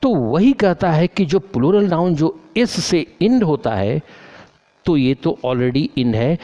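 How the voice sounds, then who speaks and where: A man teaching grammar, speaking slowly and carefully. His pitch swings widely and sits a little high. He repeats himself and asks his class questions before answering them. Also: very animated, warm tone, dull audio. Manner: slow, repetitive, drills questions and answers aloud. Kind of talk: explanatory lesson in Hindi with English terms.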